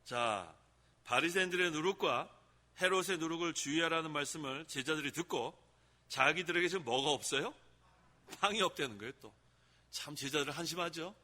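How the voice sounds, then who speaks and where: A man's voice: a little high, normal speed, pushed and bright. A man pastor preaching a sermon in a church, often asking the congregation questions and repeating key phrases. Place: church sanctuary. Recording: echoey church hall.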